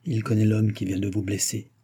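A man's voice: lowish voice, flat delivery, a little fast, mellow, breathy edge. A man voicing a young noblewoman who coaxes and soothes. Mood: coaxing. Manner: soothing, coaxing. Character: coaxing young noblewoman, woman.

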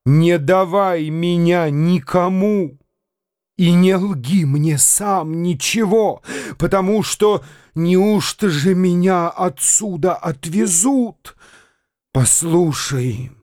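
A man's voice: high-pitched, slow, a little mellow, no echo, studio quality, pitched above the performer's own voice. A man voicing a frail, tearful elderly prince who pleads in a trembling, raised voice in a radio drama reading. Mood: frightened pleading.

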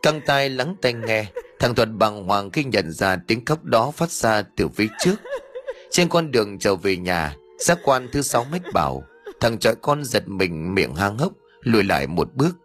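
A man's voice: on the low side, sing-song, moderate pace, a bit bright, soft background music. A man narrating a scripted ghost story in a dramatic, tense storytelling manner.

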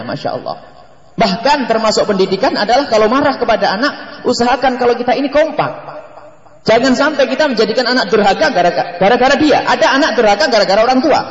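Animated male preacher in an echoey hall. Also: high voice. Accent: Indonesian. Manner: animated, acts out family dialogue with shifting voices. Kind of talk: sermon. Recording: echoey hall, dull lo-fi sound.

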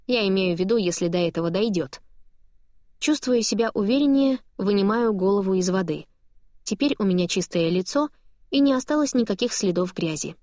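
A woman reading a novel aloud as a first-person audiobook narrator, lively and expressive. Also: medium pitch, fairly quick, no echo, clean studio sound.

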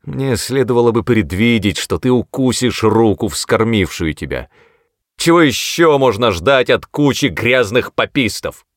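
A man's voice: mid-range voice, expressive, extremely slow, few pauses, a little mellow, dry recording, clean studio sound, pitched above the performer's own voice. A man reading an audiobook, voicing a stammering middle-aged man who begs desperately and later turns spiteful. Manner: stammering, pleading, then hissing with spite. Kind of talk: audiobook character voice.

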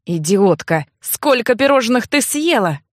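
A woman reading an audiobook, voicing a stern young nobleman with a low, curt, sneering delivery. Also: very animated, unhurried, dry recording, studio quality. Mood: scornful. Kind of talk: audiobook character voice.

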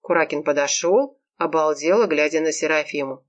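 A woman reading an audiobook, narrating a comic romance in a lively, expressive way. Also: deep voice, normal speed. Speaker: audiobook reader. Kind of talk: scripted narration.

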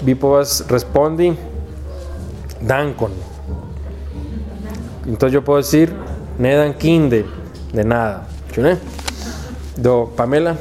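A man with a Mexican accent teaching a class in a university lecture hall, drilling pronunciation slowly and patiently, word by word. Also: medium pitch, dark tone, a little hiss or hum. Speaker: Esperanto teacher.

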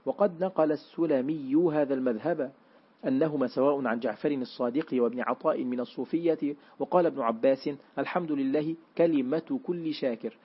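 A man reading a classical Quran commentary aloud in a steady, measured, formal way. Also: medium pitch, slightly rough, lo-fi sound.

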